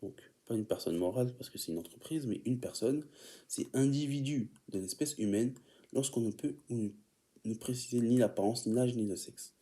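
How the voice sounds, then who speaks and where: A man's voice: medium pitch, normal speed, warm tone. A man preaching an informal teaching sermon, often stumbling and repeating words as he reads definitions aloud and calls his listeners beloved.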